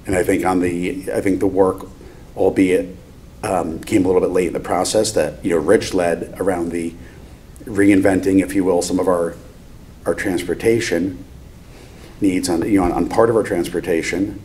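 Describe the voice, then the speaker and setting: A man's voice: deep voice, steady tone, normal speed, a little mellow. A man giving explanatory remarks as a finance board member at a meeting, often qualifying his points. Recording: faint background noise.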